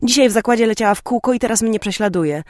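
A woman reading an audiobook, voicing a loud, pushy young woman who talks in a shrill, bossy way. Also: fast talker, dry recording, clean studio sound, close to an everyday voice. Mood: brash.

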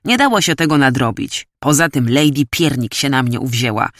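A woman's voice: rumbling low, expressive, moderate pace, no room sound, clean studio sound. A woman reading an audiobook and voicing a fed-up young male student who talks casually and offhandedly in slang. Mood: offhand. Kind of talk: audiobook character voice.

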